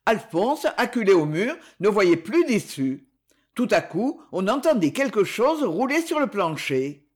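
An expressive narrator reads a classic tale aloud. The delivery is dramatic, with pitch rising and falling freely. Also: measured pace, husky. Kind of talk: audiobook narration.

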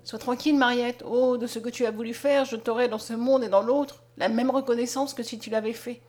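Soft sorrowful blind peasant youth for a storybook reading, read by a woman; fairly high voice, hushed and tender. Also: fairly even intonation, a little fast, natural voice. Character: gentle blind young peasant man, sorrowful. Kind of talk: audiobook character reading.

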